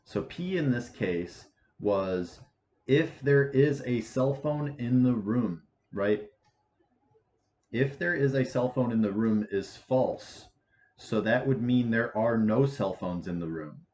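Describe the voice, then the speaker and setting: A man in his twenties giving a casual math lesson, with a halting delivery full of restarts and fillers. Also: mid-range voice, expressive, a little mellow. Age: 20s. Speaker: math teacher. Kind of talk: casual lecture. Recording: echoey room, dull lo-fi sound, faint hiss.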